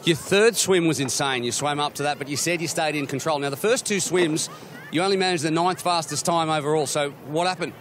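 A man's voice: a little high, a little fast, a bit bright, slight background noise. A man hosting a live post-race show outdoors, interviewing athletes in a jokey, informal way. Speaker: host and interviewer.

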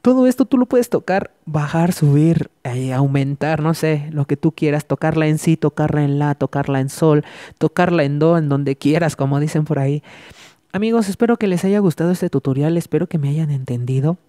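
A man's voice: a little high, moderate pace, warm tone, no echo, studio quality. A man giving a casual spoken piano tutorial, chatty and stumbling over words as he explains. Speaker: piano teacher. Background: piano playing.

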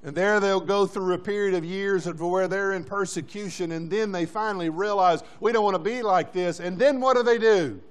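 A high-voiced man preaching a sermon in a church, pressing his congregation with short repeated commands. He keeps asking them questions, and he is out of breath. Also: normal speed, hardly any pauses. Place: church sanctuary.

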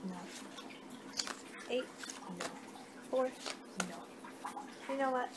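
A young adult woman with a high-sitting voice mutters in an unhurried, distracted way during an improvised ASMR roleplay of reading fortune cards. It's a noisy amateur webcam-style recording made indoors in a small home room.

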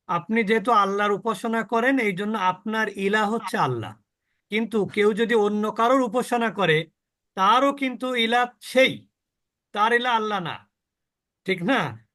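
Teacher, male, high pitch, slow deliberate delivery, questions the class, stretches the model words. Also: pushed and bright. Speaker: Quran recitation teacher. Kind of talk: Quran pronunciation lesson.

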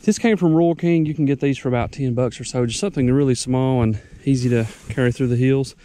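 A man's voice: mid-range voice, fast, warm tone. A young man, out of breath, giving folksy, rambling how-to tips outdoors on a wooded mountainside. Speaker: ginseng hunter vlogger. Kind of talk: casual outdoor how-to vlog.

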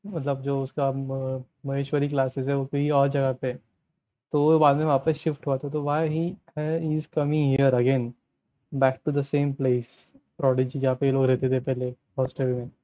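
A young adult man hosts a trailer reaction, chatting casually in Hindi mixed with English, trailing off and restarting phrases. His mid-range voice is monotone, measured and mellow, and the recording sounds dull, lo-fi and dry.

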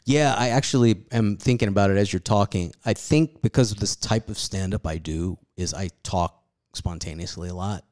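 A man in his forties with a very low voice talks loosely on a podcast. He rambles from thought to thought, puts himself down and swears casually. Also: moderate pace, darkish tone. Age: 40s. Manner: rambling, self-deprecating, swears freely. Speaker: comedian guest.

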